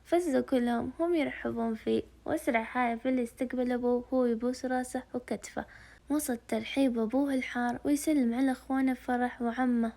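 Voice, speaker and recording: A woman narrating a novel in lively storytelling. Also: a little high, gravelly. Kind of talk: novel reading.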